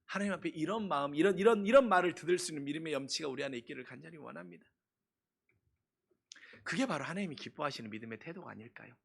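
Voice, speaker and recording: A male pastor preaching a sermon earnestly, stressing points with slow, repeated phrases. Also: on the high side, lively intonation, gravelly, breathy edge.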